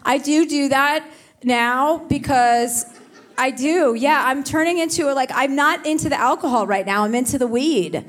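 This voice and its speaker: A woman hosting a live stage talk, blunt and self-deprecating, quick to joke. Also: high-pitched, big-room sound. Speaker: host. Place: live venue with an audience.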